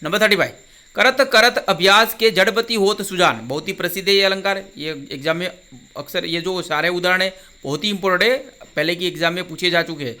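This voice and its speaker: A man teaching a grammar quiz lesson. He recites verse examples slowly, then explains each one plainly. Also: high-pitched, pushed and bright.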